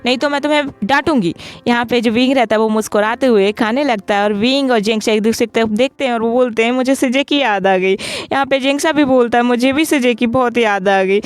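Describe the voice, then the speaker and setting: A woman with a smooth, clear voice pitched a little high retells a drama in a relaxed, chatty way. She walks through each scene step by step and speaks every character's lines in her own plain voice. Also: a little fast, no room sound. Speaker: drama recap narrator. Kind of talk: casual storytelling recap.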